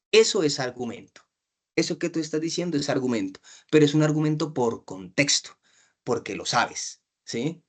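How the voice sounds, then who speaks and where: A man with a Colombian accent teaching an exam-prep class, asking questions, stretching out key phrases and often checking "¿sí?". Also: a little high. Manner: slows down to stress key phrases.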